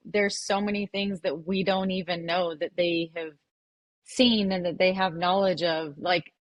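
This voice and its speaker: Low-voiced woman, dry close sound. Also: no echo. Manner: earnest, searching for words. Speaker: medium in group session. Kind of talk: casual group conversation.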